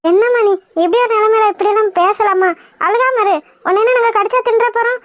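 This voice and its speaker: A woman's voice: very high voice, steady tone, quick pace, no room sound, clean studio sound. A woman voicing a kind, motherly housewife. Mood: soothing. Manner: soothing, coaxing. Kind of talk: cartoon voice acting.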